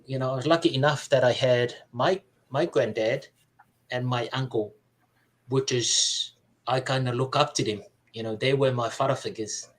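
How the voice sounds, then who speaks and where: Soft-spoken man from Samoa. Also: mid-range voice, low-quality recording. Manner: soft-spoken, halting, many fillers and restarts. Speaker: podcast guest. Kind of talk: personal life story in casual chat.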